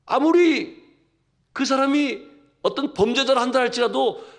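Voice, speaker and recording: Male pastor, animated preaching, gravelly tone, rhetorical questions. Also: extremely high pitch, moderate pace. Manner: humorous asides. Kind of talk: sermon.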